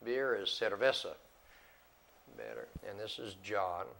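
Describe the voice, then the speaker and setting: A man teaching an English grammar lesson to a class, slow and deliberate, repeating words and switching between English and Spanish. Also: fairly low pitch, very animated, creaky, fairly bright tone.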